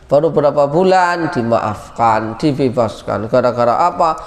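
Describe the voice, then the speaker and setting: A man teaching as a boarding school ustadz in a casual religious lecture, lively and teasing, loudly calling out students' names. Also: mid-range voice, moderate pace. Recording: long reverb.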